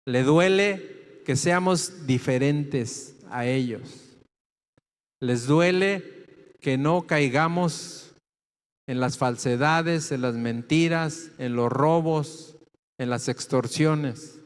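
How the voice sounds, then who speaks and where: A pastor preaches slowly and deliberately, stressing each word and asking the congregation questions. His voice sits a little high for a man. Long reverb from the church hall trails behind him. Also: smooth. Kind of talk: sermon.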